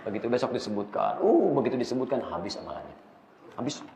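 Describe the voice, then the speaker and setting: A man preaching an Islamic study sermon, asking the audience rhetorical questions in a lively way. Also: mid-range voice, quick pace, slight background noise. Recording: echoey hall, slightly dull sound.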